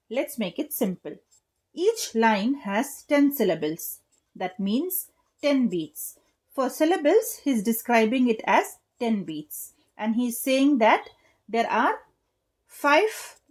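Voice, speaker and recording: A young woman giving an English lesson at an unhurried, careful pace. Her voice sits a little high. She explains patiently, repeating and clapping out points for her students. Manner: slow, patient, spells out rhyme letters and claps rhythm. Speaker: English literature teacher.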